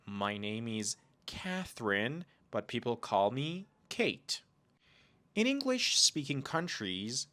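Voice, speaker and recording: Guy teaching english on a podcast, slow and careful, voice goes up and down a lot. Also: mid-range voice, fairly bright tone. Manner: slow, careful delivery with drawn-out example phrases. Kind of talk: scripted lesson narration.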